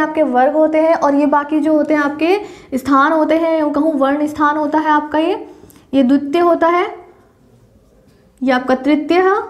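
A young woman giving a Hindi grammar lesson, reciting the consonants one by one and explaining each point step by step, correcting her own slips as she goes. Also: high voice. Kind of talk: classroom lecture.

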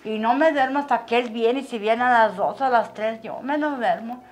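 A woman's voice: on the high side, normal speed. Older mother telling family stories. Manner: emotional storytelling, acts out quoted dialogue. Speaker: interviewee, mother of the channel owner. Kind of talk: casual family interview.

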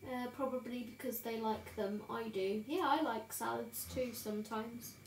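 A chatty woman in her thirties with a high, bright-sounding voice talks easily to her stream while she colours, laughing often and greeting viewers by name. Her voice carries a roomy echo from the home room around her, with a faint hiss of noise underneath. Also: normal speed. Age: 30s. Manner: chatty and giggly, reading out viewers' names. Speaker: livestream host colouring on camera. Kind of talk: casual chat while colouring.

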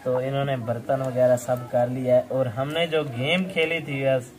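Outdoors in a village, a young Pakistani vlog host talks to his viewers in a chatty way, frequently laughing and repeatedly saying "okay." He has a mid-range voice with fairly even intonation and keeps a moderate pace.

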